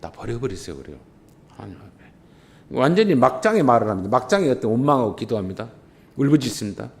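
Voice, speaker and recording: A man's voice: mid-range voice, very animated, fast talker, vocal fry. A male pastor delivering an emphatic, impassioned sermon.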